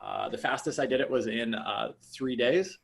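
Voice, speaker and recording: A man talking on a panel over a video call, easygoing and quick with jokes at his own expense. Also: medium pitch, creaky, slight background noise. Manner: easygoing, self-deprecating humor. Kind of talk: casual panel chat.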